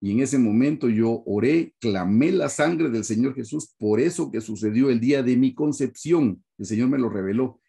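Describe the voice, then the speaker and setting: A male pastor with a Guatemalan accent shares a heartfelt testimony over a video call. His gravelly voice has a dark, mellow tone, and he keeps addressing the congregation as brothers. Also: medium pitch, moderate pace, few pauses. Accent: Guatemalan Spanish.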